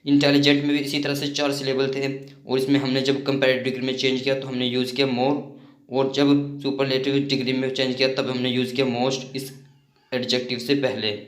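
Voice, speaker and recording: Male grammar teacher, monotone delivery, spells out suffixes letter by letter, roomy echo. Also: medium pitch, brisk. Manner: spells out suffixes letter by letter and lists word forms. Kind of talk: explaining grammar rules with examples.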